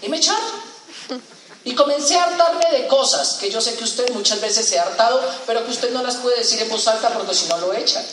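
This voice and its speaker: A Colombian man telling a stand-up story to a crowd, acting out every person in it with lively energy. His voice rings through a very reverberant hall, picked up from a fair distance away, with a faint hum of the room underneath. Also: extremely high pitch, brisk. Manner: animated, acts out every character in the anecdote. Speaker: stand-up comedian. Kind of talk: stand-up storytelling to a live audience. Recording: very echoey hall, mic from a distance.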